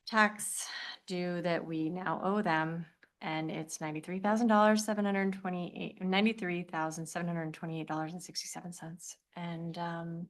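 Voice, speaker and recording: A woman chairing a village board meeting as mayor, informal and joking, with many fillers as she reads out agenda items. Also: fairly low pitch. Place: municipal meeting room.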